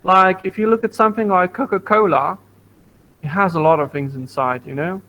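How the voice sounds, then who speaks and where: A man's voice: high voice, fairly even intonation, normal speed, highs cut off, a little hiss or hum. A man teaching a science lesson to a primary school class over an online video call, patient, repeating points and asking the class questions. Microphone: computer mic on video call.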